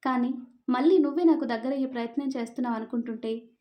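High mellow voice, woman doing a tearful young wife in a spoken story, plaintive and questioning. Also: quick pace, natural voice. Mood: hurt, pleading.

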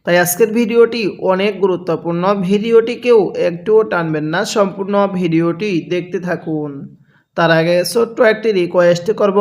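A man with a high voice leads a Quran reading lesson from Bangladesh. He spells out syllables one by one and repeats them. He keeps asking his own questions and answering them.

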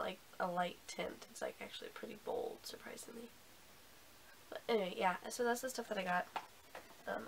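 A woman's voice: mid-range voice, fairly bright tone, a little hiss or hum. Sick-voiced woman chatting about makeup. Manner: chatty, with many ums and restarts. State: sick, with a hoarse voice. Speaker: beauty vlogger. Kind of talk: casual haul review.

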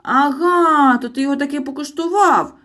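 Lady voicing an excited young troll kid, all exclaiming. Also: on the high side, moderate pace, voice pushed up. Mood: lively. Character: young male troll, eager and indignant.

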